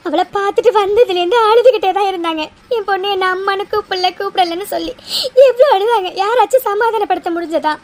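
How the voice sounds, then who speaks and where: A grown daughter in a cartoon, voiced by a performer, frightened for her mother and reproachful. Her voice is shrill and very high. She scolds and repeats herself through tears. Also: quick pace. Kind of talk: cartoon voice acting.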